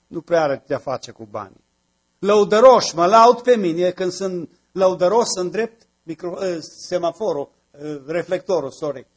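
A man's voice: a little high, husky. A man preaching a sermon, building to emphatic repeated phrases.

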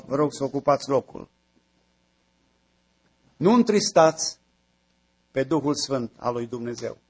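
A man's voice: mid-range voice, expressive, darkish tone, slightly rough. A man preaching a sermon, building to emphatic repeated phrases.

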